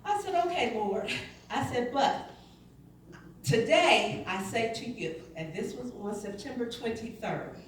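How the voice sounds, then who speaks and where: A woman's voice: fairly high pitch, animated, unhurried, a little hiss or hum. A middle-aged woman telling her personal testimony to a church, acting out the dialogue as she tells it. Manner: storytelling, quoting others in dialogue. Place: church sanctuary. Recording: echoey church hall from far off.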